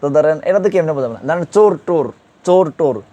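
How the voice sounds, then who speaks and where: A man's voice: a little high, lively intonation, quick pace, warm tone, muffled recording. Man quizzing a class on grammar. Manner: quizzing students with repeated questions. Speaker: Urdu grammar teacher. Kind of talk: classroom lesson.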